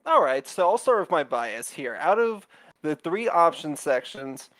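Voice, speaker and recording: A man's voice: on the high side, sing-song, a little slow, fairly bright tone, no echo, faint music behind. Brief: male esports caster at home, bouncy, swooping delivery, dry close sound. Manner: upbeat, chatty, laughs often. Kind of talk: casual live game commentary. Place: home streaming setup.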